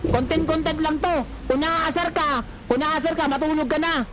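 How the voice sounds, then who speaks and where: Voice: high-pitched, steady tone, normal speed, background noise. A livestreamer ranting at the chat in a taunting, teasing way, repeating the same jabs again and again. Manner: mocking, repetitive, teasing catchphrases. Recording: loud background music over voice. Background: loud music.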